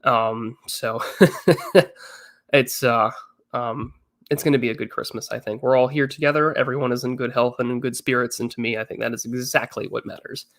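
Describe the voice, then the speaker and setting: This streamer, a man in his twenties, speaks at a moderate pace in a steady, fairly bright mid-range voice. He's chatty on a casual livestream, reading chat aloud and answering viewers despite lingering congestion.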